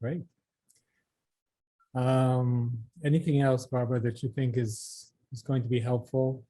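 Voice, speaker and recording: A man moderating a panel, gently prompting a guest with questions. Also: mid-range voice, flat delivery, measured pace. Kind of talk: interview questions. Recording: distant from the mic.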